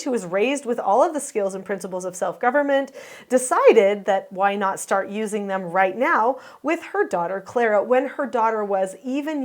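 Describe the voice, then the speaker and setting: A woman hosting, earnestly explaining a home video to viewers and asking them questions. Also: medium pitch. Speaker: host and parenting teacher.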